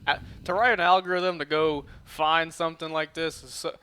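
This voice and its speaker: Bright high-voiced podcast man. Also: steady tone, clear, resonant tone. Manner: quick agreeing interjections. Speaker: podcast co-host. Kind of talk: casual political discussion.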